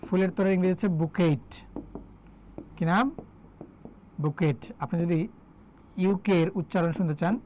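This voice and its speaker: A man's voice: high-pitched, mellow, a little hiss or hum, low-quality recording. Chatty young male English tutor. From Bangladesh. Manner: chatty, joking, quizzing students. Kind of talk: live online class.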